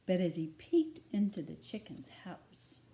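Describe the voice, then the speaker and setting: A woman with a fairly low pitch reads aloud from a children's story. She tells it like a storybook reader, expressively and deliberately.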